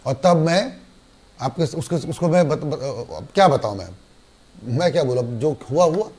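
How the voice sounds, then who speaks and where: An Indian man lectures on law to an online class in an animated way. He keeps switching into little scenes, playing both himself and his students. His voice sits slightly higher than most men's. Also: measured pace. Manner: animated, acts out student dialogues.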